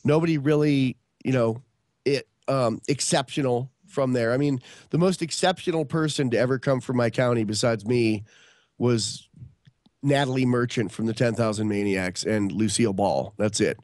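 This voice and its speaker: An upstate New York man in his early fifties appears as a podcast guest on a video call, telling casual stories that ramble with lots of fillers and restarts. His medium-pitched voice has a darkish tone and moves at normal speed, captured in a dry, clean studio recording.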